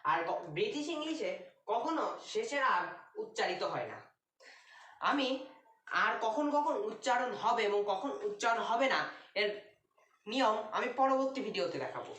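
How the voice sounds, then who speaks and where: A woman teaches pronunciation at a board, her fairly high voice rising and falling a lot as she explains. She talks in a patient, drawn-out way. She is set back from the mic in a roomy space with a faint hiss. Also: expressive, a bit bright. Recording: roomy, distant, faint noise.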